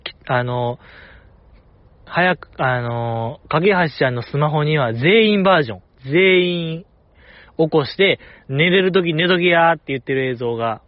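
A man with a Kansai accent talks casually as a radio host, chatty and fond of teasing asides. His voice sits a little high. The sound is muffled and lo-fi. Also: a little slow, no echo. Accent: Kansai Japanese. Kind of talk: casual solo radio talk.

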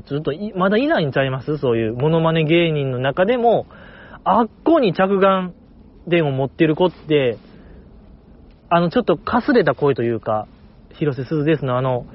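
Animated Kansai man chatting on a podcast. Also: a little high, dull audio. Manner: enthusiastic, chatty, self-mocking. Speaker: podcast host. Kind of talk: solo fan podcast chat.

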